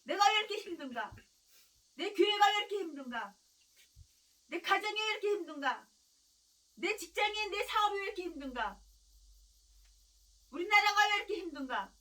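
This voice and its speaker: A woman's voice: very high-pitched, sing-song, moderate pace, pauses often, sharp tone, recorded from a distance. A woman pastor preaching a sermon in a fiery, scolding way, hammering on repeated phrases and breaking into harsh, angry rants. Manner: harsh angry ranting with insults.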